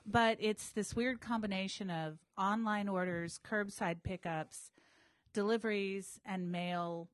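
A woman's voice: medium pitch, fairly even intonation, measured pace, dry recording. A woman co-hosting a bookshop podcast in casual, conversational talk. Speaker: co-host, bookseller.

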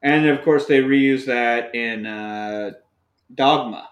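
In a roomy, echoey space, a man hosting a podcast recaps a movie in a casual, joking and profane way. He has a mid-range voice and takes his time.

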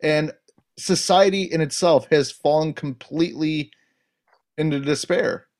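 A man with a somewhat high-pitched voice talks in a relaxed podcast chat. He is blunt and emphatic and swears freely as he makes his points. His delivery is forceful and opinionated throughout. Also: unhurried.

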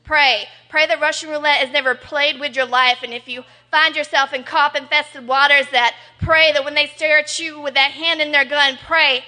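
A woman on a poetry cafe stage, talking nervously between halting pauses and performing spoken-word poetry. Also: high voice, fairly even intonation, bright, forceful tone. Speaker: performing poet.

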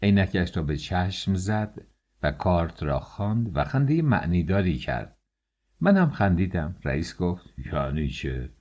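A man narrating a first-person audiobook in a lively, colloquial storytelling manner. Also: low voice.

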